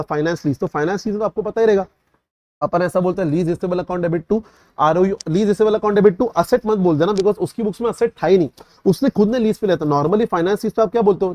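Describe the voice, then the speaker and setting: Fast-talking man tutoring. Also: high voice, dark tone, dry recording. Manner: repeatedly checks understanding, mixes English terms into Hindi. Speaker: CA exam tutor. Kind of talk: revision lecture.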